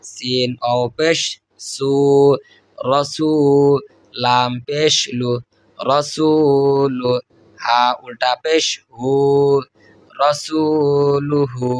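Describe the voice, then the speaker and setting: A man with a Bangladeshi Bengali accent teaching Quran reading, spelling out Arabic letters and stretching the syllables in a slow chant, with quick spoken asides in between. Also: medium pitch, fairly bright tone, no room sound. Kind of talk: recitation lesson, spelling out letters.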